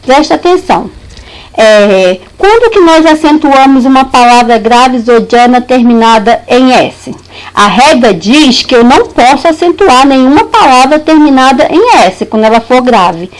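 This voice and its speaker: A woman's voice: high voice, lively intonation, measured pace, rough recording. A woman teaching a recorded lesson, patiently repeating points and checking that students understand.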